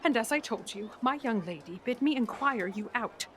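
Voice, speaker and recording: A woman's voice: a little high, animated, normal speed, close to an everyday voice. A woman acting a talkative, easily offended, bawdy servant in classical Shakespearean stage style, blustering and full of exclamations. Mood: flustered, warning.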